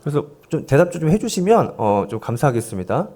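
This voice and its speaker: A man in his forties, a pastor, leads a volunteer seminar from the church pulpit, speaking into a handheld mic with a fairly high, very animated, warm voice at a slightly quick pace. His playful sermon mixes audience games, jokes, gentle coaxing of the congregation, and self-deprecating asides.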